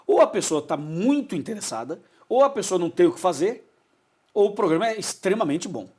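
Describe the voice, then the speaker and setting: A man's voice: high voice, sing-song, brisk, a little mellow, slightly rough. A man, a pastor telling emotional anecdotes as a TV interview guest and acting out what people said. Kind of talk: storytelling in a TV interview.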